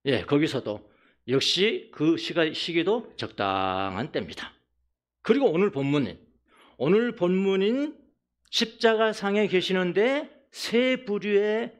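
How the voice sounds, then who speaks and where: Korean pastor with a lively, rising-falling sermon voice. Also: male voice, high voice. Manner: lively preaching, acts out mocking voices, repeats phrases for emphasis.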